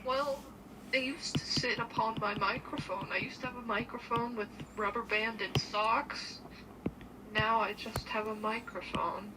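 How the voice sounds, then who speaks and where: A woman's voice: on the high side, steady tone, measured pace, noisy background. A woman streamer chatting casually and playfully, joking about doing silly voices.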